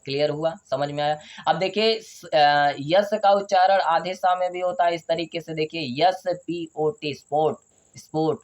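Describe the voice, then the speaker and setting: A male teacher giving a video lesson on pronunciation. He asks a question, answers it himself, and spells letters out slowly before saying each word. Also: on the high side, steady tone, dull audio. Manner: drills by asking questions and answering them himself. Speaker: English teacher.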